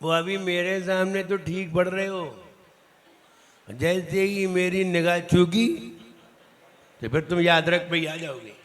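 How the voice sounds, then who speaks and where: High, bright-voiced monk drilling pronunciation. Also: male voice. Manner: corrects students, drills syllables slowly. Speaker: Jain monk teaching recitation. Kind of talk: recitation class, correcting pronunciation. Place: temple hall. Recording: long reverberant hall.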